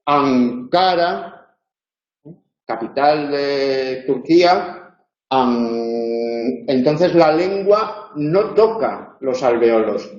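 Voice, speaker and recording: Man, university lecturer, explanatory, slightly high voice, echoey lo-fi recording. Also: a little mellow. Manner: explanatory, demonstrates sounds slowly. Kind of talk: online tutoring lecture. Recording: roomy, dull lo-fi sound.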